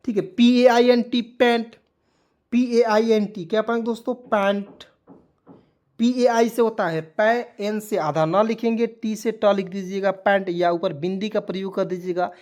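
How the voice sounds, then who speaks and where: A man's voice: sits high, fairly even intonation, a little slow, a little mellow. A man teaching English spelling and pronunciation in a lesson, repeating each word, asking the viewers what it reads as, and adding motivational asides. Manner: repetitive, coaxing, keeps asking what it reads as.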